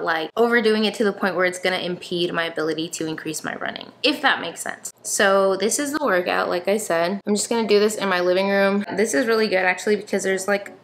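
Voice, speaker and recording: A woman's voice: medium pitch, a bit bright, slight background noise. A woman in her twenties talking casually to the camera in a chatty, explanatory way, like a vlogger, indoors at home. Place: indoors in an apartment.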